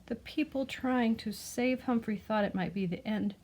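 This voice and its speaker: With a fairly high-pitched voice at a moderate pace, a woman reads a children's picture book aloud expressively, like a teacher. She adds explanatory asides, explains words and asks the listener gentle questions.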